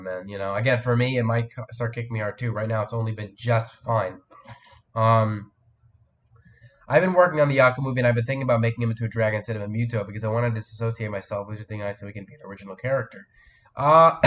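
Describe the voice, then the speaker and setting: A man's voice: mid-range voice, fairly bright tone. Teen male streamer, sick with a cold, loose rambling chat host. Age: teens. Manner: rambling, answers chat, many fillers and restarts. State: has a cold, voice cracks. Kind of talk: casual live stream chat.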